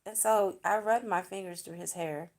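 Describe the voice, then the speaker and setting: A woman's voice: fairly low pitch, fairly even intonation, moderate pace, creaky. A woman vlogger chatting to her viewers in a gushing, spiritual way. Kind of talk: casual storytelling to viewers.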